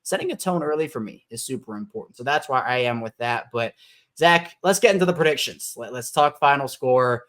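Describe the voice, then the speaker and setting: A man's voice: medium pitch, animated, brisk, a bit bright. A man hosting a sports podcast, chatting casually about football and thinking aloud with frequent restarts. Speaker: podcast host. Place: Baltimore.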